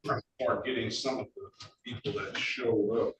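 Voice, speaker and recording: A man presiding as judge over traffic court, talking haltingly with repeated words and folksy asides, heard on a courtroom recording. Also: medium pitch, steady tone. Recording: echoey room, distant mic, noisy.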